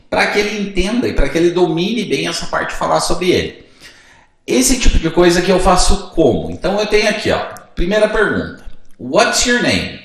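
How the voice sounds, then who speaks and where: A young Brazilian English teacher with a Brazilian Portuguese accent leads a casual teaching video in a relaxed, chatty way, his slightly high voice lively and rising and falling a lot. He explains each step and sometimes acts out dialogues, playing both student and teacher. The recording is from a very echoey room.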